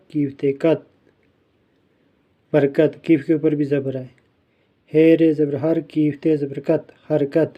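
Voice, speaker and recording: A male teacher giving a recorded lesson, spelling letters and syllables slowly and repeating each word. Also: a little high. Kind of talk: slow recorded classroom lesson. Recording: dull lo-fi recording.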